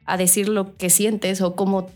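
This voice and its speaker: A woman's voice: medium pitch, little pitch movement, a little slow, darkish tone, soft background music. A woman with a Mexican accent talking in a casual chat, slangy and laughing often as she thinks aloud. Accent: Mexican Spanish.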